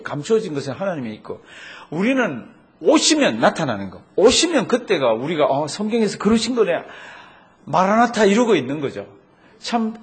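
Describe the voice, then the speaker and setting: Lively middle-aged Korean pastor preaching. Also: male voice, fairly high pitch. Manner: animated preaching with rhetorical questions and acted-out quotes. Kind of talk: sermon.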